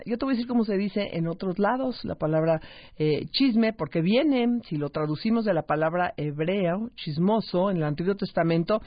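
A Mexican man hosts a radio talk show in a chatty, explanatory way. His voice sits high, and the dry studio sound comes through a dull, muffled broadcast. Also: no echo. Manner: chatty, explanatory, frequent "¿verdad?". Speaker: radio host. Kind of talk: casual radio chat.

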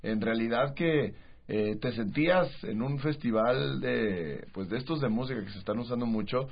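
A man's voice: medium pitch, normal speed, gravelly, slightly rough. A Mexican man co-hosting a radio show, rambling and loose with many restarts. The sound is a muffled radio broadcast. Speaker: radio co-host. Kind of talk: casual radio chat.

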